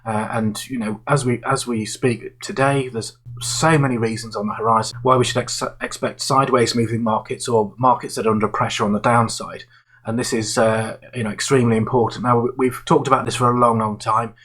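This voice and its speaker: A man explains an investment strategy with a simple example. His voice is husky and sits at a middle pitch. He talks in a halting way, with frequent fillers and restarts, like someone thinking aloud to clients. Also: steady tone, fairly bright tone, low-quality recording. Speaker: investment manager presenting to clients.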